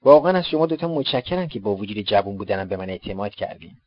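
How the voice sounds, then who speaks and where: A man's voice: fairly low pitch, animated, no room sound. A man voicing a loyal, modest young male convict who speaks earnestly with a raised voice. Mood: grateful. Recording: dull lo-fi dry recording.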